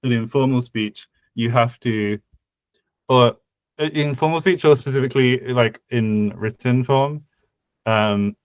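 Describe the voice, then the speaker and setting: A young man co-hosts a casual podcast discussing conlang design, his smooth, medium-pitched voice measured in pace yet hesitant, with many fillers and restarts. There's no echo, and the audio is dull.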